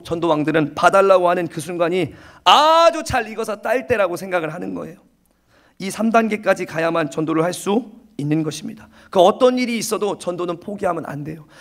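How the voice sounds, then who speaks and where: A man preaching a Sunday sermon in a church, his voice pitched a little above the usual for men. He drives his points home by repeating them and briefly acts out other people's excuses. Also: animated. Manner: emphatic, repeats phrases, acts out excuses in quick asides. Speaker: pastor. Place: church sanctuary.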